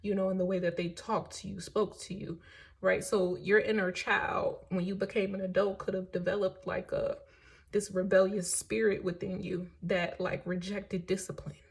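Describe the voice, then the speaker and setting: A woman's voice: mid-range voice, level tone, normal speed, gravelly. A woman giving a casual, emphatic tarot reading, encouraging and frank, checking in often with "right?" and "okay?" and swearing now and then. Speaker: tarot reader.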